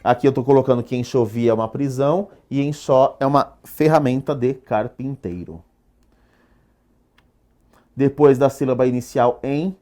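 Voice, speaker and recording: A man with a Brazilian Portuguese accent teaching a recorded exam-prep lesson. He stresses each rule slowly and keeps checking in with "perfeito?". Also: mid-range voice, a little mellow. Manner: drills rules with rhetorical questions, asks "perfeito?" often; slow, stressed delivery when stating rules.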